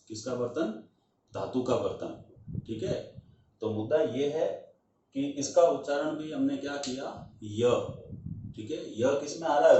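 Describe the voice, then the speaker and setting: A man gives a classroom grammar lesson in a warm, mellow voice, asking questions aloud and then answering them himself. He is recorded from some distance in a strongly echoing room. The sound is dull, with a faint hiss underneath. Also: mid-range voice. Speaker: English teacher.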